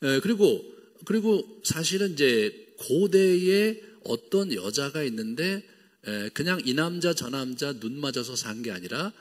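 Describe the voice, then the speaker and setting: A man's voice: medium pitch, slightly rough, long reverb tail. A male pastor preaching a sermon. He talks animatedly, acts out the dialogue in playful voices and uses lots of fillers. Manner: lots of fillers, wide swings in loudness. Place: church sanctuary.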